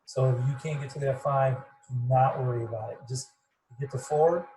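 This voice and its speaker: Man, running coach on a video call; rambling, monotone delivery, muffled mic with faint background noise. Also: mid-range voice, moderate pace. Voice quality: muffled, fuzzy. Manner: rambling, repeats words, self-described monotone. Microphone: computer mic on video call.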